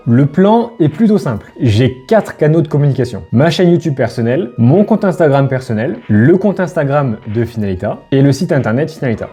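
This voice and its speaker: Young French man, mellow direct vlog delivery, faint music bed. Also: medium pitch, husky. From France. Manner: direct, addresses viewer informally with tu. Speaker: YouTuber and brand founder. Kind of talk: scripted vlog monologue to camera.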